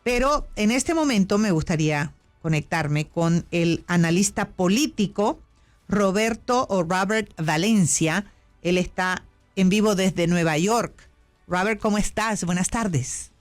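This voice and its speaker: A woman from Honduras hosting a call-in radio show, speaking courteously and asking measured questions. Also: mid-range voice, soft background music. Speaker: radio host. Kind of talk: radio interview.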